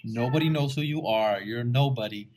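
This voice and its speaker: Animated Texan-raised comedian telling stories. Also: male voice, medium pitch, normal speed. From Rio Grande Valley, Texas. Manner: animated storyteller who acts out quoted voices. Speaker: stand-up comedian guest. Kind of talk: casual storytelling interview.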